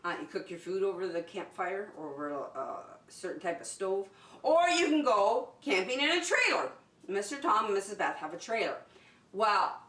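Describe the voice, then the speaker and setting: This preschool teacher has a mid-range, fairly bright voice. During story and circle time, a children's lesson with singing, she speaks to the little ones in short, simple, encouraging phrases. She's recorded far from the microphone in a roomy space.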